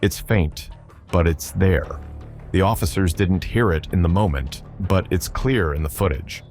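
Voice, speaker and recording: Low voiced guy doing spooky scripted narration, bit of music under it. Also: measured pace, a little mellow. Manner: ominous, suspense-building. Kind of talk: scripted true-crime narration.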